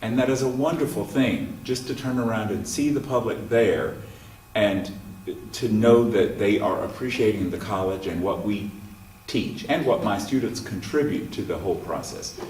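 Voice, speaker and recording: A man who teaches music at a college speaks in an interview, measured and pausing often with ums. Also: fairly low pitch, darkish tone, a little hiss or hum. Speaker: college music professor and choir director. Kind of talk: interview monologue. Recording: roomy sound from a distant mic.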